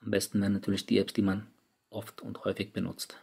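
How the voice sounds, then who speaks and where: Gravelly-voiced man explaining phone settings. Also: lowish voice, monotone, fast, darkish tone. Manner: casual, chatty, addresses viewers directly. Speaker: tech YouTuber. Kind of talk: screen-recorded app tutorial. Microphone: studio microphone.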